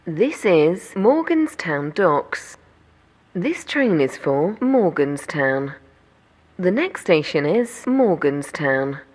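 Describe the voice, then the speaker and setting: A woman's voice giving automated onboard train announcements, speaking in measured, polite set phrases. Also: on the low side, very animated, darkish tone. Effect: onboard train announcement system.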